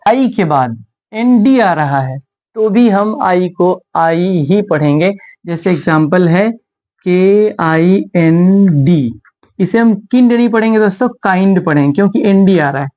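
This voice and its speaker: Patient man spelling out words slowly. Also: sits high, mellow. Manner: spells out letters and repeats each example word deliberately; addresses viewers as friends in a patient, explaining tone. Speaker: English pronunciation teacher. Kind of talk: video lesson.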